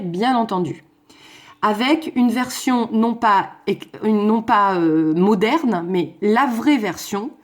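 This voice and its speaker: A woman's voice: on the high side, a little mellow. Woman teacher explaining English verse. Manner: explains slowly, switching between French and English; counts stresses and beats aloud. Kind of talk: recorded online lesson.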